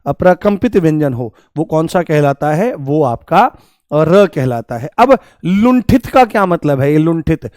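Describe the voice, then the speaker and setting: Male teacher, high voice, repetitive quizzing, drills pronunciation, dry close recording. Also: a little mellow, no echo. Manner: repeats key points and quizzes students with questions; addresses students affectionately and drills pronunciation aloud. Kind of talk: live online exam-prep class.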